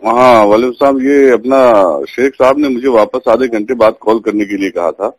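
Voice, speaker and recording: Over a dry phone-call recording, a man with a mid-range, steady voice speaks at a normal pace. He has called to question a religious scholar, and he presses his points in a manner that is formally polite yet challenging.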